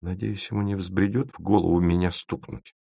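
A man's voice: deep voice, fairly even intonation, moderate pace, vocal fry, dark tone, breathy edge, no room sound, exaggerated voice. A man reading the part of a small-voiced, determined young woman investigator, insistent and turning cool and formal. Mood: pleading. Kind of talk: audiobook reading.

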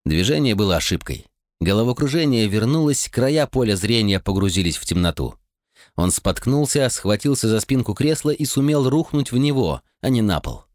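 Lively, low-voiced male audiobook narrator. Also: normal speed, no echo, studio quality. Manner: expressive, dramatic reading. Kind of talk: scripted narration.

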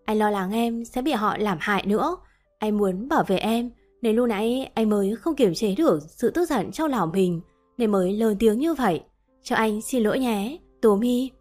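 A woman voicing a devoted young husband in a spoken story, speaking softly and earnestly. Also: medium pitch, expressive, moderate pace, soft background music, close to an everyday voice. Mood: tender. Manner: tender, then stern when worried.

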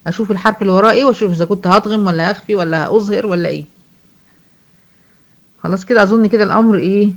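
Egyptian woman, tajweed teacher, asks questions and answers them herself, recites examples slowly. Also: medium pitch, dull audio. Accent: Egyptian Arabic. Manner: explains rules, then recites verses slowly.

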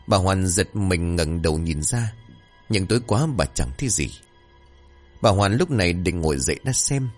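A man narrating a scripted ghost story in a dramatic, suspenseful way. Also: sits low.

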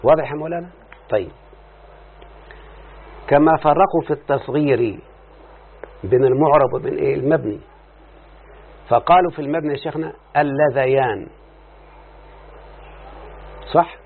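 A man's voice: a little high, gravelly, slightly rough. Egyptian sheikh quizzing his class over a tinny line. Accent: Egyptian Arabic. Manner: quizzes students with repeated questions; reads quoted text slowly and deliberately. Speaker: Islamic scholar teaching grammar. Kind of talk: classroom lecture. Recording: lo-fi phone-like recording with faint hiss.

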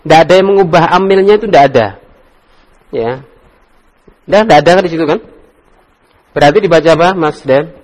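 A man teaching Arabic grammar in a casual classroom lesson, relaxed and joking as he coaxes students by name. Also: fairly high pitch, fast talker, pauses often. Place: study circle classroom.

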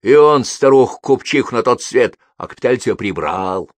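A man reading the part of a boastful, scornful branded convict, loud and drawling in a dry recording. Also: medium pitch, lively intonation, normal speed, no room sound, pitched above the performer's own voice, close to an everyday voice. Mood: bitter.

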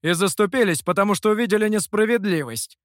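Brief: a male reader plays a calm, courteous master, measured and polite, in an audio story. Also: sits high, no room sound, studio quality, voice pushed up, lightly acted. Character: calm, polite master who is older than he looks.

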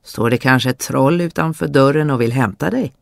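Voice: mid-range voice, gravelly, no room sound, clean studio sound, close to an everyday voice. A reader voicing a firm, fatherly old king in a fairy tale reading. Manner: firm, commanding. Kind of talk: storybook reading.

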